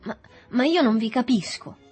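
A woman's voice: on the high side, expressive, moderate pace, a little mellow, breathy edge, soft background music, pitched above the performer's own voice. A woman voicing a thirteen-year-old boy who protests, confused and indignant, in an audiobook reading. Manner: protesting, bewildered.

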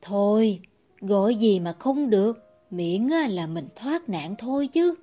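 Male narrator doing a gentle fretting old granny, soft and pleading, pitched high and quiet. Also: expressive, unhurried. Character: gentle, worried old grandmother.

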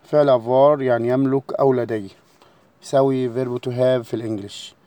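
An Egyptian-accented man teaches a French lesson to schoolchildren. He drills every verb form slowly and says it again and again. His pitch sits mid-range for a man. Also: steady tone, warm tone. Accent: Egyptian Arabic. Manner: slow, repeated drilling of words. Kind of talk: classroom lesson.

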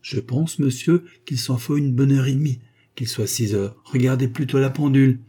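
A man's voice: mid-range voice, steady tone, normal speed, warm tone, slightly rough, voice pushed up, natural voice. A man voicing a flustered old woman cook who answers back with indignation. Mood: indignant. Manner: indignant, grumbling.

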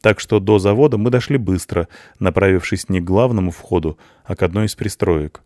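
A man narrating an audiobook in the first person, in an even, detached tone. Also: deep voice, brisk, no echo, clean studio sound.

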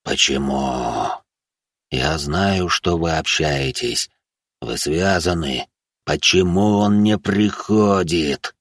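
A man reading an audiobook, voicing a huge hunched monstrous man who talks in a slow, menacing growl. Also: rumbling low, slightly rough, dry recording, clean studio sound, pitched below the performer's own voice, full character voice. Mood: brooding.

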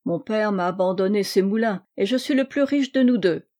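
A man's voice: sits high, moderate pace, darkish tone, lightly acted. A woman reading a vain, rich young suitor with a nasal voice. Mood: boastful.

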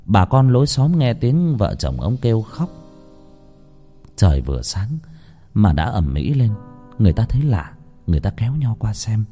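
A man narrates a ghost story with dramatic expression, his low, dark voice swinging widely in pitch to build suspense. Faint music runs under the narration.

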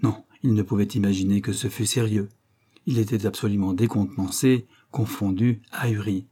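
Narrateur à la voix grave et sombre. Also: male voice, lowish voice, fairly even intonation, moderate pace, dark tone, breathy edge. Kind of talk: audiobook narration.

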